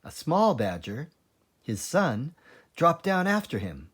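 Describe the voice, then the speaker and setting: A man's voice: on the high side, very animated, slow pace, fairly bright tone. A man reading a children's story aloud expressively, in the role of a teacher librarian.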